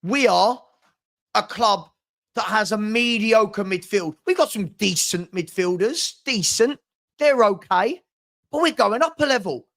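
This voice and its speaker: A man's voice: high-pitched, animated, measured pace, vocal fry, fairly bright tone. A man hosting a fan channel, delivering an angry, exasperated rant to viewers, emphatic and repetitive, with sarcastic mimicry. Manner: exasperated, emphatic, repeats phrases. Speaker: football fan channel host.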